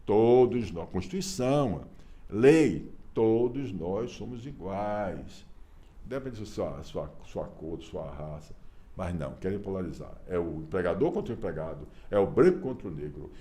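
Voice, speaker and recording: A Brazilian man in his sixties, an author being interviewed, talking in an animated, emphatic way with rhetorical questions. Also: deep voice, moderate pace. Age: 60s. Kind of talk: casual conversational interview.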